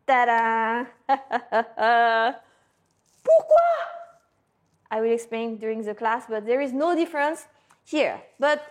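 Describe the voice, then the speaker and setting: A woman teaching a beginner lesson, pronouncing words slowly and clearly, with playful asides. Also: on the high side. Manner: slow, exaggerated pronunciation with playful asides. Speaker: French teacher. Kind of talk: language lesson mixing French and English.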